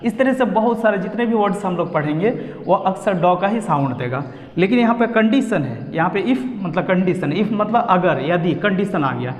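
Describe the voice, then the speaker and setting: A man teaching an English pronunciation lesson, spelling letters out and repeating each word slowly. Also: high-pitched, lively intonation. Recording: echoey room with long reverb.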